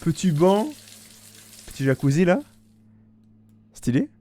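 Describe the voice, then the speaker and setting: Rambling streamer man, mellow voice. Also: a little high, expressive, slow. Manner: rambling, slangy, restarts often. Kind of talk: casual live reaction stream.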